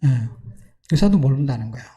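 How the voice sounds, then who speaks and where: A middle-aged man preaching a sermon, telling the story in a lively way with rhetorical questions and acted-out quotes. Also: medium pitch, quick pace. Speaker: pastor.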